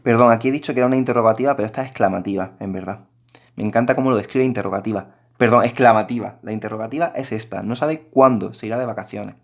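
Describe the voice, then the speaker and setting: A man's voice: lowish voice, fast talker. A man teaching a recorded grammar lesson, explaining patiently and addressing his students directly.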